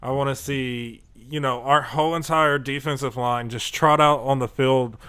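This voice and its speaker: A man hosting a casual sports podcast, talking in an animated way, laughing often and getting fired up. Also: medium pitch, moderate pace, smooth. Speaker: podcast host.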